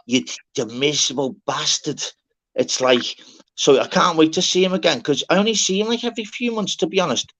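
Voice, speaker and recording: A man's voice: on the high side, fairly quick, fairly bright tone. A man with a Liverpool accent in casual, sweary banter, talking in rambling, repetitive, broken-up sentences. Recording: dull lo-fi audio.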